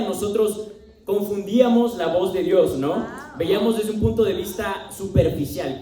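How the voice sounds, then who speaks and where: A young man with a Mexican accent preaching a conversational sermon, often ending phrases with a questioning "right?", reading scripture slowly and moving between loud emphasis and quiet asides. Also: a little high. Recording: echoey room, speaker distant from mic.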